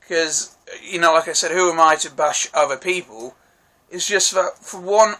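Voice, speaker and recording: A man with a high, bright voice talks through a film review in a loose, rambling way. He hesitates often, circles back and restarts his sentences. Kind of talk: casual spoken film review.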